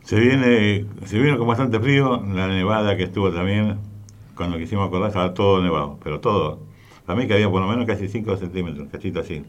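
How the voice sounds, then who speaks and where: A man's voice: low-pitched, quick pace. A man with an Argentine accent co-hosting a radio show, telling rambling colloquial stories. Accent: Argentine Spanish. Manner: rambling, colloquial, says "¿viste?". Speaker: radio co-host. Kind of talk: casual radio chat.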